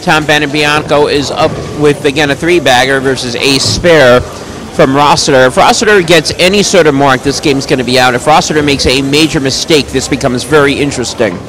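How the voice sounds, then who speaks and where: This man does play-by-play for a bowling match right in the alley, booming out his calls with jokey, talkative remarks in between. He's medium-pitched and speaks a little fast over background noise.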